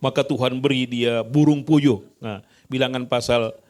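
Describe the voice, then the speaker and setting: A man's voice: medium pitch, fairly even intonation, moderate pace. A male pastor preaching a sermon in a church, talking in a conversational way and often addressing the congregation directly.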